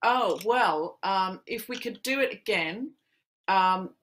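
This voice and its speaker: A woman hosting a live Q&A over a video call, chatty and joking with quick asides. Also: mid-range voice, fairly bright tone. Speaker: podcast host.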